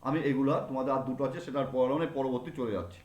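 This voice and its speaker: A man's voice: medium pitch, racing, darkish tone. A male teacher giving a classroom grammar lesson, repeating example words over and over to drill them in. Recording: echoey room.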